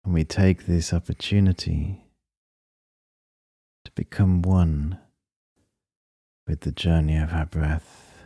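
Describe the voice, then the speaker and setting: A man leading a guided breathing meditation in a calm, soothing, unhurried way, with short phrases and long pauses. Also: deep voice, slightly rough, dry recording, studio quality.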